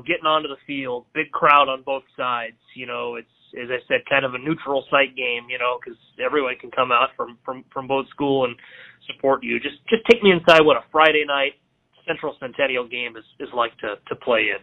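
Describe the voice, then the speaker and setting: A man's voice: medium pitch, steady tone, a little fast. A man doing a casual sports radio interview, rambling and repeating himself as he forms questions. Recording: narrow, phone-like radio interview audio.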